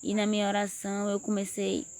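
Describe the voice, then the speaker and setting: A woman's voice: medium pitch, monotone, brisk, darkish tone. A woman earnestly telling a personal religious testimony. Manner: earnest storytelling, rising intensity. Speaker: testimony speaker.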